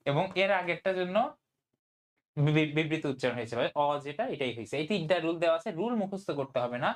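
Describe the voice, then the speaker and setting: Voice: medium pitch, expressive, fast talker. Tutor, online grammar lecture, frequent "okay?" checks, English words mixed in. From Bangladesh. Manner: keeps asking "okay?", mixes in English words. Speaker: admission test tutor.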